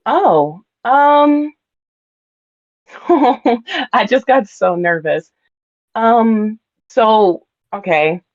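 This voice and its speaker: A woman's voice: fairly high pitch, lively intonation, extremely slow, pauses often, no echo, dull audio. A woman voice actress being interviewed, chatting casually, sounding nervous and giggly with lots of fillers. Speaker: voice actress guest.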